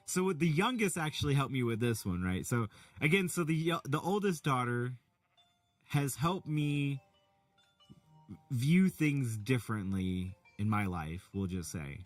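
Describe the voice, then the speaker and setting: A man's voice: medium pitch, a little slow, no echo, recorded from a distance. Rambling man streamer, off the mic. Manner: rambling, animated, many restarts. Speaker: streamer reading chat. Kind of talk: casual chat. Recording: from the mic, faint music behind.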